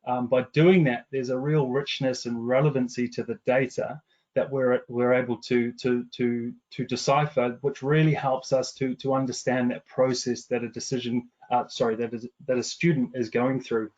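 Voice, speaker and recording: In a webinar, a middle-aged New Zealander working as a commercial director presents research findings from a survey, speaking in a measured business manner peppered with ums and restarts. His accent carries some English influence from years in England. He has a medium, slightly mellow voice with little pitch movement, heard on dull audio.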